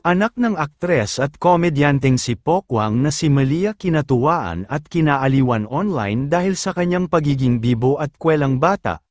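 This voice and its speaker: Male news voice-over, a bit high, dry booth sound, steady upbeat read. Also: dry recording. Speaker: entertainment news narrator. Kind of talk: scripted voice-over narration.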